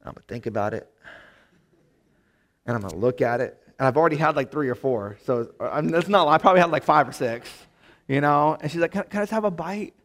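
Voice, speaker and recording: A man's voice: medium pitch, brisk, a bit bright. A man teaching a Bible lesson in a casual, conversational way, full of fillers and restarts.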